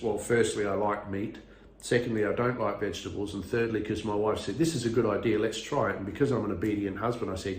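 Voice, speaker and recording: A man's voice: lowish voice, darkish tone, reverberant. A self-deprecating man in his fifties, chatting casually in a home vlog and laughing at his own verbal fillers. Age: 50s. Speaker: vlogger.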